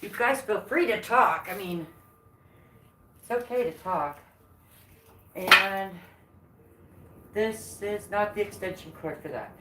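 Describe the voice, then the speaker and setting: A woodcarving vlogger chats casually with her viewers while working in her workshop, breathing hard from the effort. Her voice is medium-pitched and slow, with frequent pauses. The sound is roomy and noisy, with the mic at a distance.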